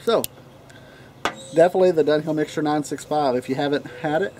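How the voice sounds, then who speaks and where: A man, chatting casually and unhurriedly, with pauses, as he rambles through a pipe tobacco review. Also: fairly high pitch, mellow, a little hiss or hum. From Tennessee, United States. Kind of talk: casual vlog chat. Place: outdoor wooden deck in a leafy yard. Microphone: camera a few feet away. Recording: outdoor ambience with birdsong. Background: birds chirping, occasional dog barking.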